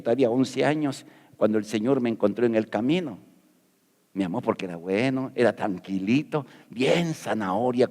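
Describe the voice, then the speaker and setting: A man's voice: mid-range voice, darkish tone, in a large hall. A middle-aged man from Peru preaching a sermon as pastor, folksy and jokey, asking rhetorical questions.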